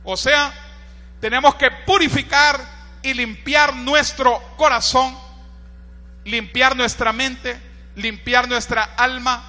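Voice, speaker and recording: A man with a Honduran accent preaching a sermon, animated, shouting out quoted cries and often turning to the listeners with rhetorical questions. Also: extremely high pitch, big-room sound. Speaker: pastor.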